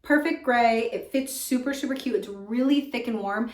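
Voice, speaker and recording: A woman's voice: fairly high pitch, normal speed, a little mellow. A young American woman chats casually and gushingly as a fashion vlogger, repeating words for emphasis, recorded in an echoing bathroom without an external microphone. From California. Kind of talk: casual chatty favorites vlog. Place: indoors in a home bathroom.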